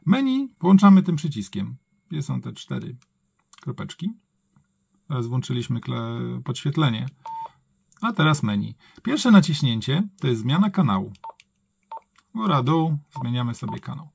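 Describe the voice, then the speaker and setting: A man's voice: mid-range voice, very animated, a little slow, gravelly, pauses often, darkish tone, a little hiss or hum. A man giving a casual, improvised hands-on gadget review, thinking aloud in colloquial words and often correcting himself. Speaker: product reviewer.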